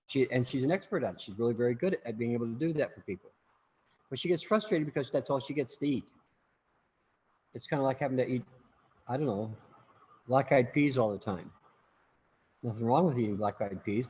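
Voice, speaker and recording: A man's voice: mid-range voice, darkish tone. A man teaching an online class in a casual, joking, rambling way, often repeating words, over a video call. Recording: long reverb, faint room noise.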